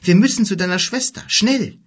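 A man voicing a caring mother who speaks in a hurried, urgent way. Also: medium pitch, expressive, husky.

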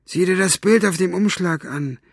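A man's voice: normal speed, husky, no echo. A coarse, irritable henchman who grumbles in a voice pushed well above the reader's own, as a man puts him on. It sounds dry and close. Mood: grumbling. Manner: grumbling, raised pitch.

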